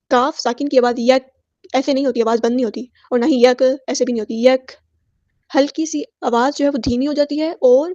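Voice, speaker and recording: High-voiced woman teaching tajweed. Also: mellow, dry recording, highs cut off. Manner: patient, explains each rule step by step; drawn-out melodic recitation of verses. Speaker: Quran recitation teacher. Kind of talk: tajweed lesson with slow recitation.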